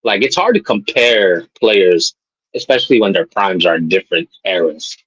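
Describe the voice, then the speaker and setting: Male guest heard through a video call, low register, dull call sound, easygoing and chatty. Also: moderate pace, slightly rough, dry recording. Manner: relaxed, loose, filler-heavy. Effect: heard over a video call. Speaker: guest on a live stream. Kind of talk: casual basketball chat. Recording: muffled lo-fi call audio.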